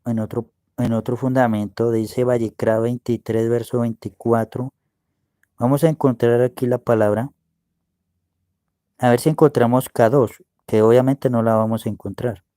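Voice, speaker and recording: A man's voice: mid-range voice, little pitch movement, dark tone, no echo, clean studio sound. A man preaching and teaching Bible words to his listeners, walking them through a screen share and often asking if they can see. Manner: slow, explaining, asks "¿ve?" often.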